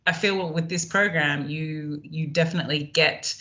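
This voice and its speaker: A woman's voice: low voice, fairly even intonation, moderate pace, bright, forceful tone. A woman interviewing a startup founder, enthusiastic and full of praise, with many "um"s and "you know"s. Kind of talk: friendly interview hosting.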